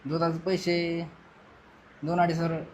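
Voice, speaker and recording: Male farmer, quiet and halting, faint noise behind. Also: fairly high pitch, completely flat delivery. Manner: subdued, halting answers. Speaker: interviewee, farmer.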